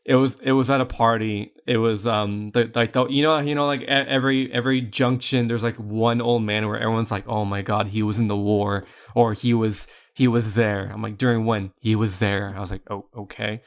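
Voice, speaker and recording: A man's voice: on the low side, fairly even intonation, moderate pace, hardly any pauses, clean tone. A young man co-hosting a podcast, chatting casually and telling rambling jokey stories full of restarts. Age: young adult. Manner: rambling, joking storyteller with many restarts. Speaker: podcast co-host. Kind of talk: casual chat.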